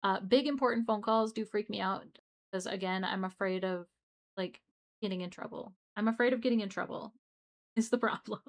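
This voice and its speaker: A young woman streams late at night in a loose, chatty way, looping back on herself and tossing remarks to her chat as she goes. Her pitch sits at an ordinary middle height for a woman. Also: fairly quick. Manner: rambling and chatty, with frequent restarts and asides to chat. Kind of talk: casual livestream chat.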